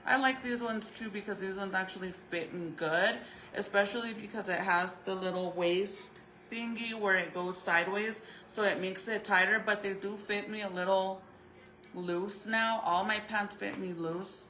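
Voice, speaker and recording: A woman's voice: mid-range voice, steady tone, normal speed, pushed and bright, a little hiss or hum, low-quality recording. A woman chatting casually and informally to viewers as a vlogger, thinking aloud in a rambling way, her speech slightly impeded by a retainer in her mouth. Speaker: vlogger showing crafts and baking.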